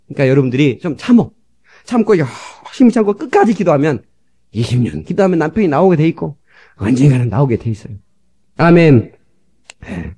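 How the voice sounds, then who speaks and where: Fervent, animated Korean pastor preaching. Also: male voice, fairly high pitch. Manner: fervent preaching with sudden shouts and acted-out quotes. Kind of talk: sermon. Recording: old cassette tape transfer.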